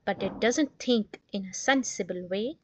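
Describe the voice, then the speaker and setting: A woman voicing a gentle mother bear in a storybook reading, soothing and explaining calmly. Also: mid-range voice, a little slow, slight background noise, lightly acted. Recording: dull lo-fi dry recording.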